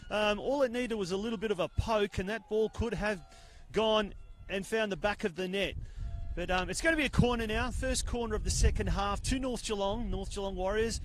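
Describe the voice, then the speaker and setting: An Australian man commentating a live football match, talking in a rambling way with lots of fillers and getting loud at near-misses, cold enough that his jaw clicks. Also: high-pitched, brisk, soft background music. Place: outdoor grandstand commentary spot.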